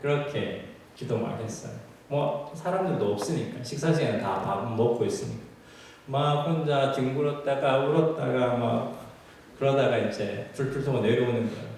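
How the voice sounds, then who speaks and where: A middle-aged male pastor preaches with animated storytelling and mid-range pitch, sometimes slipping into his own past prayers. He is heard from a distance in a strongly echoing church sanctuary with faint room noise. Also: moderate pace. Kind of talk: sermon with personal story. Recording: echoey church hall from far off.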